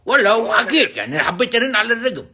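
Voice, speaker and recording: A man's voice: extremely high pitch, sing-song, very fast, sharp tone, husky. A man with a Levantine Arabic accent on a casual prank call, stammering evasively and repeating himself.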